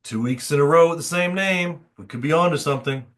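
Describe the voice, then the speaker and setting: A man's voice: on the high side, a little fast, a bit bright. A man co-hosting a security podcast in casual chat, with dry, sarcastic humor. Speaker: podcast co-host.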